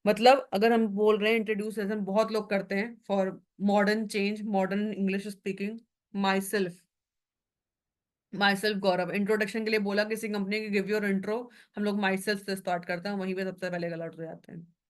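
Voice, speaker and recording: A woman's voice: mid-range voice, flat delivery. Hindi-speaking woman teaching grammar. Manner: explains in Hindi, reads English examples slowly; checks in with students often. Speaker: English grammar tutor. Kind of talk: online class lecture.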